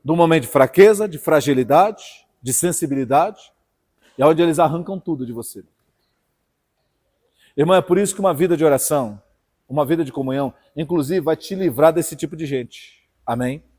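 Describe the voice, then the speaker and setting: A Brazilian man from São Paulo preaching a fiery sermon, swinging from hushed asides to loud outbursts and calling out to his listeners. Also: on the high side, fairly quick. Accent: Brazilian Portuguese, São Paulo. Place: church hall. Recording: long church hall reverb.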